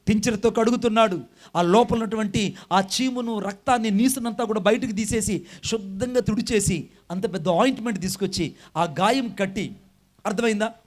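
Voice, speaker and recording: A man preaching a sermon. He tells an illustration story, switches into halting English phrases and builds to loud exhortation. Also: high-pitched. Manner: tells a story with acted dialogue, then rises to loud exhortation.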